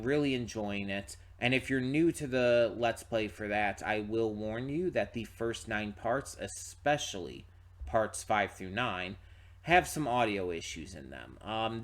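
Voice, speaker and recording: A man's voice: fairly low pitch, fairly bright tone. A man hosting a reaction channel, talking casually and rambling with frequent restarts while tired and yawning. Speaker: channel host. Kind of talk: casual pre-reaction talk to camera.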